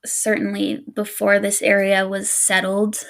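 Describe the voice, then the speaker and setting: A woman co-hosts a casual podcast and tells a spooky story in a relaxed, unhurried way. Her mid-pitched voice carries a gravelly vocal fry. She fills her talk with easy laughs and small fillers. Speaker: podcast co-host.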